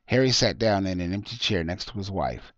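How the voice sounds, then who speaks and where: Reading his own fiction from a script, an author with a low voice narrates expressively and a little fast. The recording is dry and somewhat dull, with no room sound.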